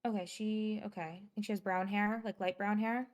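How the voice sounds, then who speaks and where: A woman playing a methodical officer with a smooth voice. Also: medium pitch, steady tone, moderate pace, close to an everyday voice. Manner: questioning, with many fillers. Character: methodical female officer taking a statement. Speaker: police investigator questioning a witness. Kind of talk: roleplay in a live-streamed game.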